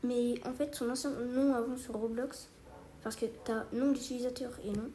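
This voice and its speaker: Addressing subscribers in a relaxed, somewhat unsure manner, a kid or young teen offers informal commentary in an online video. The voice sits at a medium pitch, steady and mellow, moving at a moderate pace.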